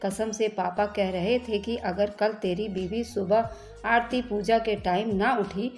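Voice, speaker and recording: Woman reading a gentle loving young husband. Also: medium pitch, steady tone, slow pace, faint music behind, natural voice. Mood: tender teasing. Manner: soft, affectionate.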